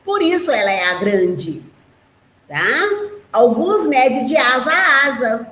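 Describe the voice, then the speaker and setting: A woman with a Brazilian Portuguese accent teaching a remote class for young children, patient and explaining slowly, often checking in with short questions. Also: high voice, big pitch swings, pushed and bright. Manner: slow, patient, explaining, with frequent "né?" and "tá?". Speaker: primary school teacher. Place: classroom at school. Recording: echoey room with faint noise.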